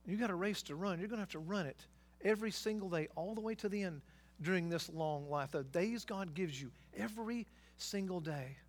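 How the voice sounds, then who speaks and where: High-voiced preacher delivering a fervent sermon. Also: male voice, brisk. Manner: emphatic, building to loud exhortations with rhetorical questions. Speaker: pastor.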